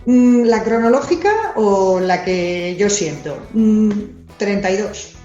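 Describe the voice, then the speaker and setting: A doctor and science communicator from Madrid, Spain, answers quiz questions in a chatty, candid, self-deprecating way. Her voice is medium-pitched, slow and warm, with soft music behind her. The recording sounds roomy, dull and lo-fi.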